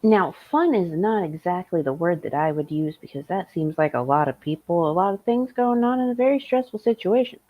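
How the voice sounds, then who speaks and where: Low-pitched, wry American woman commentator. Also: lively intonation, a little fast, few pauses, muffled recording. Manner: wry, informal. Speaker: host. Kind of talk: casual comic commentary.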